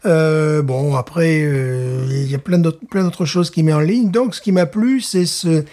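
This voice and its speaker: A man co-hosting a casual chat, talking in a relaxed way with frequent hesitations and repeated words. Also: a little high, measured pace. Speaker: podcast co-host.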